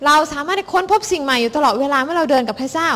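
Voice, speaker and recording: A woman interprets a preacher's sermon for the congregation in a high, bright voice. She speaks rapidly and expressively, often addressing the listeners directly. The hall gives her voice a long reverberation. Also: lively intonation.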